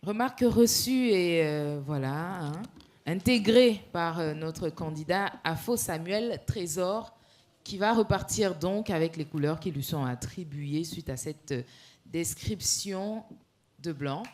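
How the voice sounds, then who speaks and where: Contest host, woman, slow and unhurried, lower voice, hesitant fillers. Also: lively intonation, darkish tone. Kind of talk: hosting a speech contest show.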